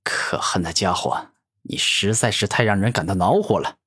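Man doing a deep growling monster villain. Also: moderate pace, fairly bright tone, husky. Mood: furious. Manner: growling angry threats. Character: arrogant furious male monster warlord.

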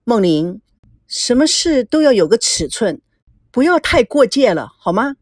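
A woman voicing a calm, composed woman who speaks in a measured, reproachful way. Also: mid-range voice, husky, dry recording, clean studio sound.

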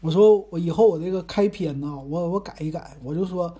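Husky, mellow Northeastern Mandarin man. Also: fairly high pitch, brisk. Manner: chatty, rambling, self-deprecating. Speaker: podcast host. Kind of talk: casual monologue.

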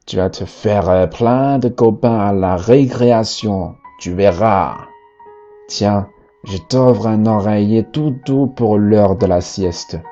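A man voicing a kindly grown female lioness in a storybook, speaking in a gentle, reassuring way. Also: fairly low pitch, slow pace, dull audio, soft background music.

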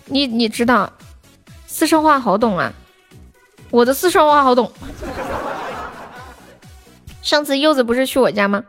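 A woman's voice: high-pitched, lively intonation, moderate pace, a bit bright, soft background music. A playful young woman from Sichuan chatting on a livestream while gaming, giggling and letting out yelps and shrieks. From Sichuan, China.

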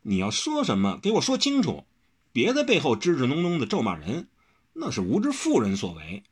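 A man voices a fussy young swordsman who whines and protests at every turn, pitched well above a normal speaking voice, his tone leaping up and down. The voice carries a husky grain. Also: wildly swooping pitch, a bit bright, exaggerated voice. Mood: indignant. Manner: fussy, whiny, quick to protest. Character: petulant, sharp-tongued young male swordsman.

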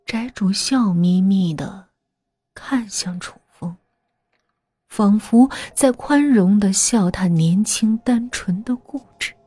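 A woman narrating a scripted horror story in a slow, hushed, half-whispered voice. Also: mid-range voice, husky, dry recording.

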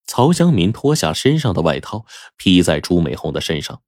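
A man telling a story aloud in a lively, folksy way. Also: low-pitched, no room sound, studio quality. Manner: lively, folksy narration with drawn-out particles. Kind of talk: oral storytelling.

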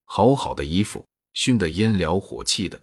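A man's voice: deep voice, very animated, moderate pace, husky, no echo, full character voice. A man reading as a reserved young noblewoman. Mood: gentle. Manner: read in the narrator's own voice.

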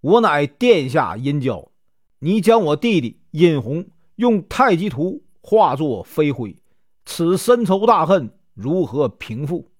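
A man's voice: a little high, very animated, slow, no echo, studio quality, exaggerated voice. A man storyteller voicing a vengeful, resolute young prince in a retold legend, declaiming sternly.

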